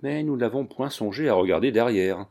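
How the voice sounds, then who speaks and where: A man's voice: medium pitch, animated, darkish tone, natural voice. A frightened rambling servant, read by a man. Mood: fearful. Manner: halting, deferential and fearful.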